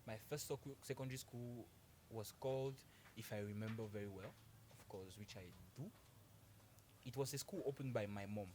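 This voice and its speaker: A man's voice: medium pitch, moderate pace, warm tone, slight background noise. A young man from Cameroon, a guest talking casually in an interview, polite, laughing often and restarting his sentences.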